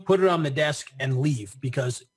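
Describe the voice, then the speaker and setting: A man's voice: mid-range voice, moderate pace, husky. A man speaking as an interview guest in a casual conversation, often repeating his first words and laughing.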